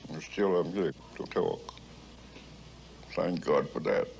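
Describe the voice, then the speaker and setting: A man's voice: deep voice, slow, creaky, darkish tone, slight background noise. An elderly man, an old veteran remembering his service in an interview. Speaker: war veteran.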